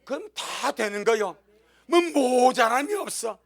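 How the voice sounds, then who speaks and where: A man's voice: very high voice, expressive, unhurried, vocal fry. A male pastor preaching a sermon in church, emphatic and exclaiming, sometimes crying out in prayer. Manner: emphatic, exclaiming, pleading with God.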